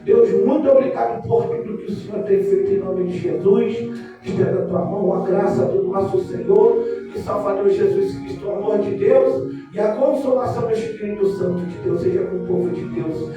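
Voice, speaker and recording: A woman's voice: medium pitch, moderate pace, recorded from a distance, dull audio. A woman from Rio de Janeiro with a Carioca accent leads a church service, preaching and praying fervently, chanting some phrases and asking the congregation for amens. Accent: Carioca Brazilian Portuguese. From Rio de Janeiro, Brazil. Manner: fervent, often chanting phrases, prompting "amen?" replies. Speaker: church leader closing a service. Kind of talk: sermon and closing prayer. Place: small church hall. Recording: echoey church sound heard from afar with music. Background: instrumental music.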